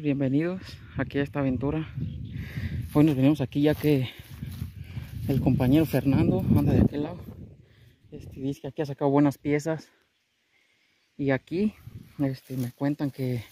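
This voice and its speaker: A man's voice: medium pitch, fairly even intonation, moderate pace, long pauses, noisy background. A man narrating his metal detecting outing outdoors in a casual, chatty way, calling his viewers companions and using lots of fillers. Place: outdoors in a rural field.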